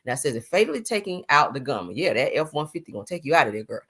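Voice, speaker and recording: A woman's voice: low-pitched, sing-song, rapid-fire, a bit bright, slightly rough. A woman host giving sassy casual commentary on the news, calling her viewers honey and child.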